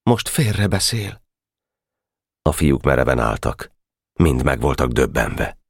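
A man reading an audiobook with expressive storytelling, slowing down for quiet moments. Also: extremely low pitch, gravelly, husky, dry recording, studio quality. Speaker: audiobook narrator. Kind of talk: scripted audiobook narration.

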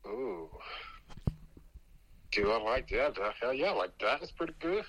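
A man's voice: medium pitch, sing-song, unhurried, a bit bright, slight background noise. A man calling in over speakerphone as a guest, chatting in a casual, easygoing way. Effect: on speakerphone over a phone call. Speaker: phoned-in guest. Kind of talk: casual chat. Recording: distant phone-line sound from a speaker.

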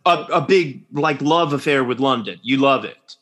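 A man's voice: medium pitch, moderate pace, fairly bright tone. A man interviewing casually, agreeable and encouraging, with frequent affirmations and conversational questions.

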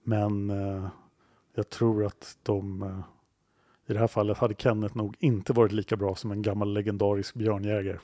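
A man's voice: on the low side, little pitch movement, warm tone, no room sound, studio quality. A man hosting a podcast, narrating a story dramatically and building suspense. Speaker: podcast host.

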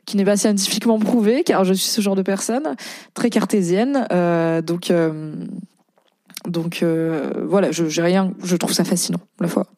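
A woman's voice: lowish voice, a little slow, dark tone, no room sound. A young French-speaking woman hosting a casual podcast, reading and commenting on posts in a chatty way with many fillers.

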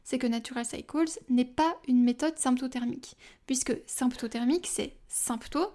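A woman's voice: sits high, normal speed, warm tone. A young woman hosting a podcast, talking casually and personally with many fillers and asides. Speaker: podcast host.

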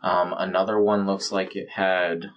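A man's voice: low-pitched, little pitch movement, measured pace, highs cut off. A man running a tabletop game as game master, describing scenes in a chatty way full of fillers.

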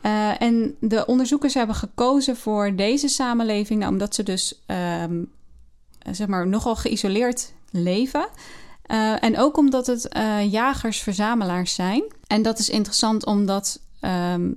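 A woman explaining a research study in a casual conversation, often pausing with fillers and restarting her sentences. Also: medium pitch, a little mellow. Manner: hesitant, many fillers and restarts. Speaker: co-host discussing a research article.

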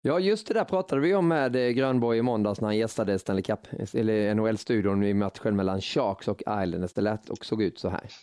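Man hosting a sports chat, soft dark tone, super dry sound, conversational. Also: lowish voice, few pauses, smooth, no echo. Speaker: host.

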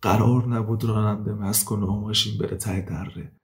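A man voicing a panicked young male ex-convict who begs and shouts, close to tears, in an audio drama. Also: lowish voice, steady tone, close to an everyday voice. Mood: pleading. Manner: shouting, pleading.

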